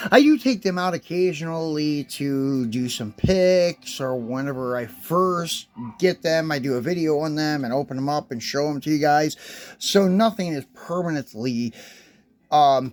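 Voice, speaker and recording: A man with a somewhat high-pitched voice talks through an unboxing of collectible model trucks. His delivery is loose and chatty, full of fillers and little asides. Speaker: die-cast collector reviewing toys. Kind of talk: casual unboxing review.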